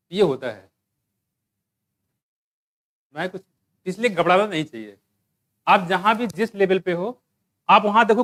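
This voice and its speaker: An Indian man gives an online biology lesson in a high, light voice. He talks casually, drops English phrases into his explanations and uses stories from his own student days to encourage the class. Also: a bit bright. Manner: conversational, mixes English terms into explanations; tells personal stories to motivate students. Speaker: biology teacher.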